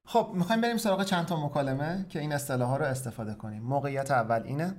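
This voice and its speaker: A man teaching English directions in a bilingual lesson, explaining step by step and saying the English phrases slowly and carefully. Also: fairly high pitch, very noisy.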